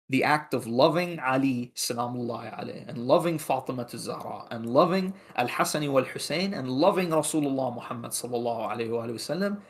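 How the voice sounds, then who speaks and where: A man with a medium-pitched voice delivers a lecture on religious history, retelling narrations animatedly and acting out the quoted lines.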